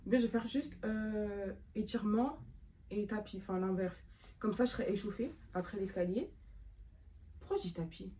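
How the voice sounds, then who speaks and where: A woman's voice: mid-range voice, moderate pace, warm tone, husky. Rambling casual woman vlogger. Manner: rambling, thinking aloud with many fillers; playful self-talk. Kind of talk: casual vlog chat.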